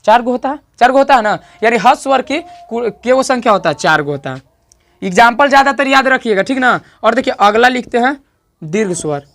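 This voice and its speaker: This male teacher's voice is very high, bright, and a little gravelly, with lively intonation and a slightly fast delivery. In his online grammar class he repeats himself and keeps making sure students understand. To illustrate vowel length, he stretches sounds out.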